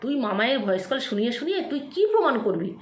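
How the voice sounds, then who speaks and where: A woman's voice: fairly high pitch, big pitch swings, rapid-fire. Scolding woman in an echoey room. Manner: scolding, taunting, repetitive. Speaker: vlogger. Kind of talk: angry direct-to-camera rant.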